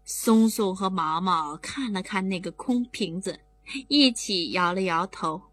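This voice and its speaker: A woman reading a children's bedtime story aloud in an animated, expressive way. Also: medium pitch, measured pace, soft background music.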